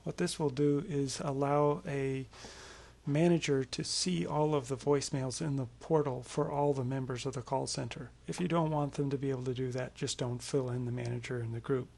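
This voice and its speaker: With a creaky, mid-range voice and fairly even intonation, a man presents an informal software tutorial as a screencast walkthrough, speaking at a moderate pace.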